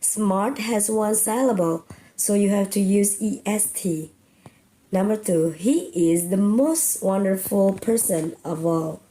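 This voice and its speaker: Woman, Indonesian accent, young adult, English teacher, very slow, mellow tone, careful syllable-by-syllable delivery. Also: medium pitch, rough recording. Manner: deliberate, stretching out example words syllable by syllable. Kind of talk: slow step-by-step grammar lesson.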